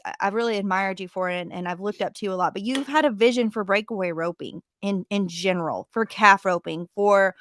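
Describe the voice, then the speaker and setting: A woman hosting a podcast, chatting warmly and praising her guest. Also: mid-range voice, no room sound, clean studio sound. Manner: admiring, encouraging. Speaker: podcast host. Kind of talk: casual interview chat.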